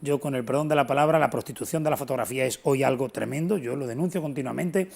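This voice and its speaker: Speaking fast in a mid-range, gravelly voice with a touch of mellowness, this middle-aged man is a local historian from Antequera, southern Spain. He gives earnest, emphatic, explanatory answers in an unscripted television interview.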